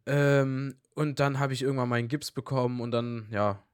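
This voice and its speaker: A young man co-hosting a podcast, telling anecdotes in a lively, slangy way. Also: medium pitch, moderate pace, clean tone, no room sound, clean studio sound. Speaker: podcast co-host. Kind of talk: casual chat.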